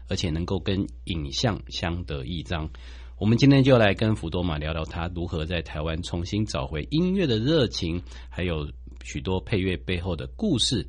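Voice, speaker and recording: A man's voice: low voice, breathy edge. A man with a Taiwanese Mandarin accent, hosting a show, presenting and interviewing. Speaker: podcast host, interviewer.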